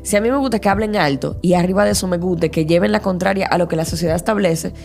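A woman, co-hosting a podcast in casual chat and asking quick, probing questions. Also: lowish voice, creaky, a little mellow, soft background music. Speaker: podcast co-host.

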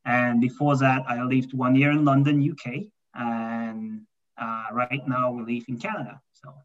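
A man from Kazakhstan in his thirties answers interview questions in a relaxed, easygoing way, his voice sitting at a middle pitch. The audio is a bit dull and lo-fi. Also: unhurried. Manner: relaxed, repeats "for sure" and "yeah". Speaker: guest. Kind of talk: casual interview. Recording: muffled lo-fi call audio.

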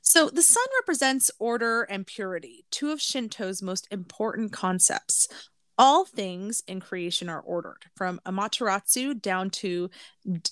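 A woman's voice: medium pitch, lively intonation, unhurried, fairly bright tone, no room sound. A woman co-hosting a podcast in a casual, playful and informal way. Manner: giggly, playful. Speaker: podcast co-host. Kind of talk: casual chat with some reading from notes.

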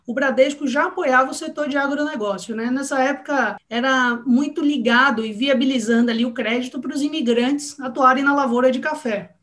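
Bahian-accented woman, 30s, interview guest, friendly and chatty. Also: high voice. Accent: Northeastern Brazilian, Bahian. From Salvador, Bahia, Brazil. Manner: friendly, chatty, frequent tag questions. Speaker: guest, marketing executive. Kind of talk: conversational interview answers.

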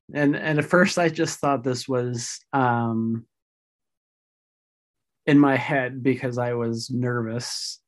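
A woman guest explains things thoughtfully in a casual interview. Her rumbling low voice is a little rough following vocal surgery.

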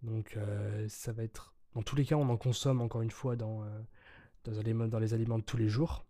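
A young man with a mellow, soft-edged tone talks casually as a podcast co-host. He explains things in an informal way, correcting his words as he goes, in a close, dry recording. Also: lowish voice, flat delivery, brisk, vocal fry, no room sound. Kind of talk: casual chat.

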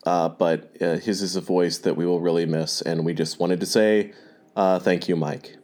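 A man with a deep, low-pitched voice speaks as a podcast host on a low-quality recording. He talks hesitantly and fills his pauses often. He sounds like he is still recovering from an illness. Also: steady tone, a little mellow. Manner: hesitant, many filler pauses. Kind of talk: casual spoken announcement.

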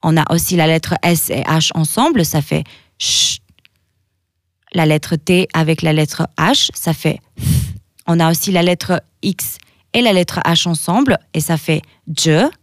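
Low-voiced woman teaching a language. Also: no echo, studio quality. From Albania. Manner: slow, careful letter-by-letter pronunciation. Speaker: language teacher and podcast host. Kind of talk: scripted podcast lesson.

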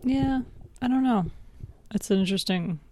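A woman's voice: medium pitch, normal speed, warm tone, a little hiss or hum. A woman co-hosting a podcast, rambling and playful in casual chat. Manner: rambling, playful, laughs easily. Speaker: podcast co-host.

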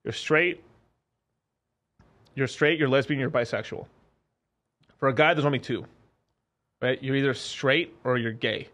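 A young man from a Mexican-American family talking casually as a podcast guest, animated, with frequent restarts and swearing. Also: mid-range voice, measured pace, pauses often. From Mexican-American family, United States. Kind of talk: casual chat.

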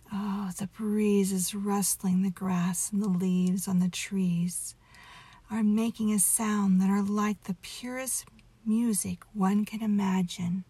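Slow, breathy, half-whispering woman, close and intimate. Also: mid-range voice, dry recording. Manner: gentle, drawn-out delivery. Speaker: guided meditation host. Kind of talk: guided meditation storytelling for relaxation.

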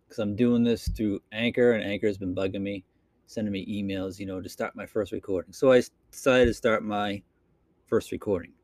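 Talking into a computer mic, this Boston-accented host from Boston, Massachusetts, delivers a rambling, unscripted solo podcast monologue, often restarting and leaning on fillers. He has a lowish, darkish voice, recorded dry.

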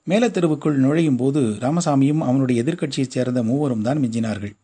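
A man reads a short story aloud, keeping a steady storytelling pace. His voice is dark and mellow with a husky grain. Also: medium pitch. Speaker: narrator.

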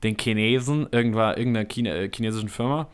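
A man's voice: mid-range voice, fast, clear, resonant tone. A young man chatting casually as a podcast co-host, hesitant and full of filler sounds. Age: young adult.

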